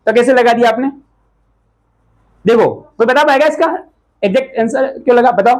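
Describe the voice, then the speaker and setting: A man teaching a classroom lesson, asking the pupils short repeated questions and sometimes calling out loudly. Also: extremely high pitch, normal speed, poor audio.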